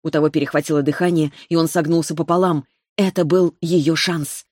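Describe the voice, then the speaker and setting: A woman reading a fantasy novel aloud in a steady, measured narrating voice. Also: low voice, no room sound, clean studio sound. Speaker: audiobook narrator.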